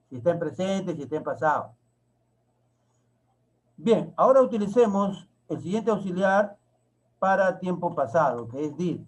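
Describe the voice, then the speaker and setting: A male teacher explains English grammar at an unhurried pace. His voice sits a little high, and he spells out example sentences slowly, one word at a time. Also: low-quality recording. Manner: slow, repeats and spells out each word of examples. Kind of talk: classroom grammar lesson.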